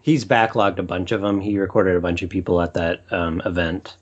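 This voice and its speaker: A man co-hosting a movie podcast, telling stories in a rambling, animated way. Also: deep voice, brisk, breathy edge, lo-fi sound. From Utah. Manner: rambling storyteller, animated when excited. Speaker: podcast co-host. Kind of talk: casual podcast chat. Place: Portland, Oregon.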